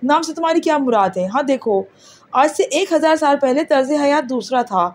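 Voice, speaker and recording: A woman voicing a calm, superior alien girl from another planet in an audiobook, explaining things patiently. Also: high-pitched, slight background noise. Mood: lecturing. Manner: patient, lecturing, matter-of-fact. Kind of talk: audiobook character reading.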